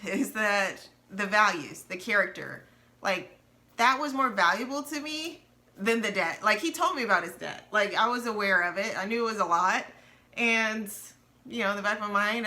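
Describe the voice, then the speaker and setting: A woman in her thirties who co-hosts a personal finance channel talks about money and marriage in a casual conversation. She is earnest and candid, sometimes laughing nervously, and her mid-range voice sounds pushed and bright.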